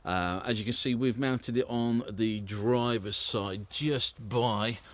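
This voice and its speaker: A British vehicle owner with a mid-range, steady voice gives a slow, casual and chatty walk-through of an installation. He talks informally to a handheld camera or phone in an easygoing way.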